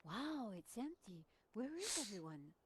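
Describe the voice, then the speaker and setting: A woman's voice: medium pitch, sing-song, unhurried, slightly rough, no room sound, heavily acted. An actress playing a clever, teasing female companion in an adventure game. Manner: wry, teasing.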